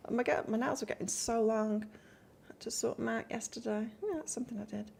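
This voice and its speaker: Brisk and fairly high-pitched, her voice carries vocal fry and is a little mellow and slightly rough. She's a northern English tarot reader with a northern English and Australian accent mix, rambling through a casual live-stream reading and chatting with viewers between cards.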